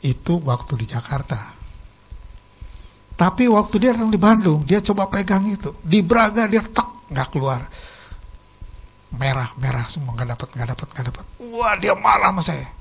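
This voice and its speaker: A pastor preaching a sermon and telling a personal testimony in a lively storytelling manner, swinging suddenly between soft and loud. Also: male voice, on the high side, moderate pace, gravelly, long pauses, a little hiss or hum, rough recording. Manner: lively storytelling, acts out quoted dialogue.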